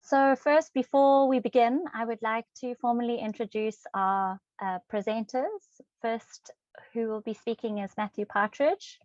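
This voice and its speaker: A woman hosting a webinar reads out speaker bios, frequently saying um and correcting herself. Her voice is mid-range, and the video-call audio is dry, dull, lo-fi, and without echo.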